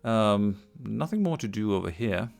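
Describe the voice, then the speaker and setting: Man, gaming commentary, thinking aloud, hesitant, voice tiring, creaky. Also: fairly low pitch, lively intonation, moderate pace. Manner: thinking aloud, hesitant with many fillers and restarts. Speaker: let's play host. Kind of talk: casual gameplay commentary.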